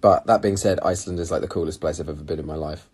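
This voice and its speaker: A man's voice: very deep voice, racing, breathy edge. Young man chatting on a phone livestream. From England. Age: young adult. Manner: chatty and animated, reads out viewer comments. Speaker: livestream host answering viewer questions. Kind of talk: casual chat. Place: small room indoors, seated on red sofa. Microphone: phone at arm's length.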